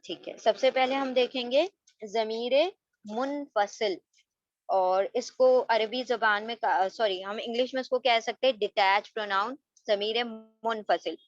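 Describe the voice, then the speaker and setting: A woman's voice: a little high, a little slow, dry recording. A woman teaching a beginners' grammar lesson, explaining step by step with fillers and English terms. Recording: dull, lo-fi sound.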